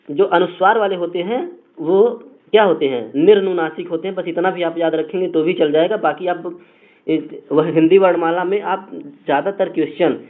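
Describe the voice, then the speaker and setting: A man teaching a Hindi grammar lesson for exam preparation, explaining step by step and repeating key points to his viewers. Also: sits high. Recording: tinny phone-like audio.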